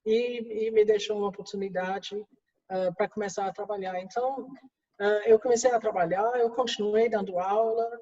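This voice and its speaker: Her medium-pitched voice has a dark tone. A middle-aged woman from England, she speaks with an English accent as a guest executive in an interview conducted in her second language, and her answers are marked by many restarts and fillers. The recording is roomy, distant and dull.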